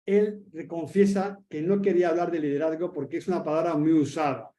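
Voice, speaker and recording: Hesitant man with a warm, higher voice. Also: fairly even intonation, brisk, muffled recording. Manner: hesitant, many fillers and restarts. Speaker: professor moderating webinar. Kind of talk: webinar conversation.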